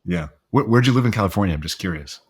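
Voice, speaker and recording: Low-voiced male host: relaxed, friendly interviewer, easygoing questions. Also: fast talker, husky. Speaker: podcast host, financial advisor. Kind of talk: podcast interview.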